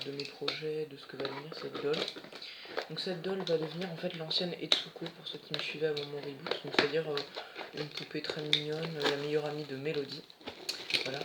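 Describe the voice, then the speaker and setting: A teenager chatting excitedly and rambling while unboxing, swearing often, filmed on a phone at home. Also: medium pitch, very noisy. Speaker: doll collector vlogger. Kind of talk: casual unboxing chat. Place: at home, indoors. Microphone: phone camera. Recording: echoey room with loud plastic rustling. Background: crinkling bubble wrap and plastic.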